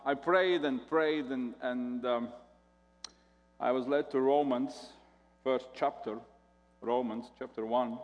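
A man from Latvia with a Latvian accent, a guest pastor preaching a sermon, talking in a halting way and often repeating words. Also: medium pitch, long reverb tail, highs cut off.

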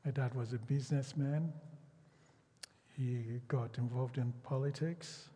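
Husky, medium-pitched and mellow with a steady tone, a Nigerian pastor of Yoruba first language preaches a sermon in a large hall. His manner is slow and emphatic, drawing out phrases and leaning on repetition.

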